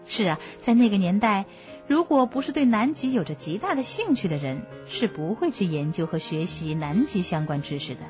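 A woman hosting a children's story program, explaining gently to young listeners. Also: medium pitch, expressive, normal speed. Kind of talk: scripted narration for children. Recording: dull lo-fi recording with music.

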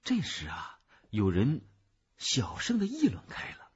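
Male storyteller, husky bright voice, wide expressive swings, dull lo-fi recording. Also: mid-range voice, unhurried. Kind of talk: children's story reading.

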